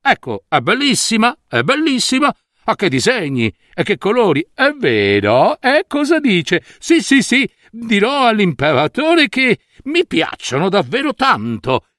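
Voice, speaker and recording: A man voicing an anxious, flustered old male minister in a read-aloud fairy tale, muttering low to himself and then gushing in a high voice. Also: wildly swooping pitch, measured pace, a bit bright, no echo, clean studio sound, exaggerated voice.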